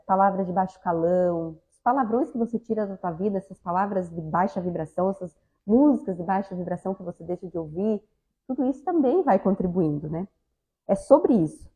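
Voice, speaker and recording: A woman's voice: mid-range voice, mellow, poor audio. A woman giving a spiritist talk, speaking conversationally and often addressing the audience directly. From southern Brazil. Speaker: lecturer at a spiritist center.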